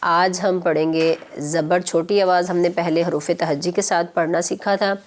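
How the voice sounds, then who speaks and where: A woman's voice: on the low side, darkish tone. A woman host teaching children recitation on a TV program, speaking patiently and repeating her instructions to young viewers.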